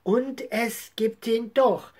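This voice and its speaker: A woman's voice: on the high side, slow, darkish tone. A woman voicing a defiant little boy who insists he is right. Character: stubborn little boy, the younger brother.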